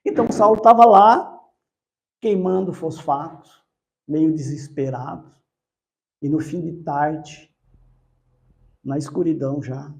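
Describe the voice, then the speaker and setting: A man telling a religious story in a spiritist study talk, unhurried, with occasional self-corrections. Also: on the high side, vocal fry.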